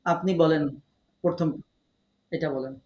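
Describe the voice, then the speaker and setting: A man with a Bangladeshi Bengali accent runs an online recitation class over a video call, quizzing students and fixing their pronunciation with patience and encouragement. His voice is slightly high, a bit slow and mellow, with fairly even intonation, and the audio is poor and reverberant.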